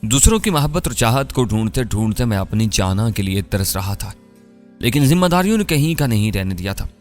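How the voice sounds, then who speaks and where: A man reading a novel aloud as narrator, in a steady, measured storytelling manner. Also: on the low side, big-room sound, faint music behind. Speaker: audiobook narrator.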